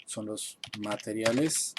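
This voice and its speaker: A man teaching a live online class at his computer, explaining and translating terms slowly and step by step, with typing heard behind him. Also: on the low side. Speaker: architect teaching construction English. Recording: faint noise and keyboard typing. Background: keyboard typing.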